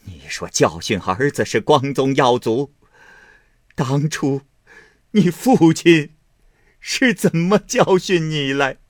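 A man's voice: fairly high pitch, animated, takes it slowly, long pauses, dry recording, clean studio sound, pitched above the performer's own voice. A man reading aloud and voicing a stern, grieving old matriarch who scolds her son with cold sneers. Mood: angry scolding.

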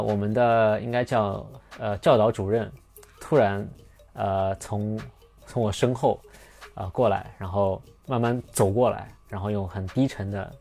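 Man, young, podcast host, low voice, gravelly, rambling casual storytelling. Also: a little mellow. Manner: rambling, many restarts and fillers.

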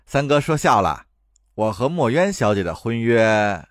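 A man's voice: medium pitch, very animated, unhurried, no echo. A man voicing a modest, sincere young man who speaks courteously in a historical audio drama. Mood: easy. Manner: courteous, warm-hearted.

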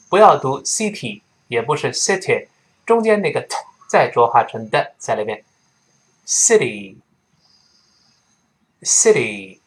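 Lively-pitched man teaching English pronunciation. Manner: explains slowly and models words by stretching them out. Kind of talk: spoken English lesson for learners. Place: lives in Sydney.

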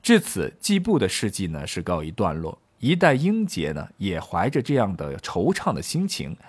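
A man's voice: low voice, huge pitch swings, moderate pace, slightly rough. A man explaining a classical poem through a casual storytelling lesson, with joking asides and many fillers. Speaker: literature explainer.

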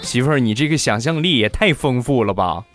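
A man in his thirties telling comic stories about his life and family, lively and given to putting on squeaky voices for other people. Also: fairly quick, loud music behind the voice. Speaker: comedy storyteller host. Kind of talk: comic storytelling monologue.

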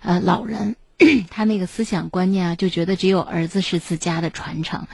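A woman hosting a late-night phone-in, counselling in a measured, explanatory way. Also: on the low side, steady tone, vocal fry, no echo. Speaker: late-night radio host.

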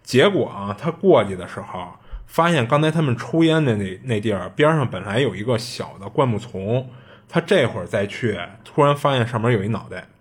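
Podcast host, male, husky voice, rapid conversational storytelling. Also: medium pitch. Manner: chatty, animated retelling with frequent fillers. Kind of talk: casual storytelling.

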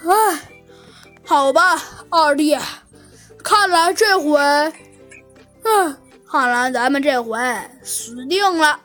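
A woman's voice: high voice, very slow, pauses often, a bit bright, heavily acted. A woman voicing the elder of two python crooks in a children's story, sighing and resigned, over faint music. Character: elder python brother, grumbling defeated crook.

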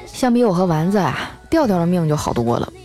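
A woman's voice: fairly low pitch, very animated, fairly quick, music in the background. Playful, chatty woman hosting a comedy podcast. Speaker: podcast host. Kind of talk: comic storytelling.

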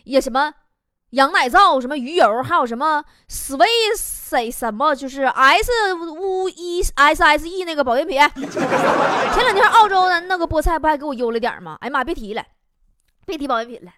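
High lively Northeastern Mandarin woman comic. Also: moderate pace, dry recording, studio quality. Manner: lively storytelling with dialect slang and chuckles. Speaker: talk show comedian. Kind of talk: stand-up comedy monologue. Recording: noisy recording with clicks.

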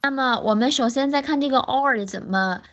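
Patient woman drilling pronunciation slowly. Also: high-pitched, a bit bright. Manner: switches between Mandarin explanation and English examples. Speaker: English pronunciation teacher. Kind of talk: online class teaching. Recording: dull lo-fi online audio.

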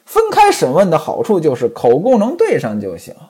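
Brief: woman oral storyteller, husky, mellow, very animated pitch, talks to listeners. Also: normal speed. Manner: lively, addresses listeners directly.

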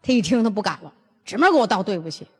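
A woman's voice: medium pitch, animated, racing, breathy edge, big-room sound. Blunt older woman lecturing. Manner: blunt, forceful storytelling with rhetorical questions. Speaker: lecturer on health and nutrition. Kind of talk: lively anecdotal lecture.

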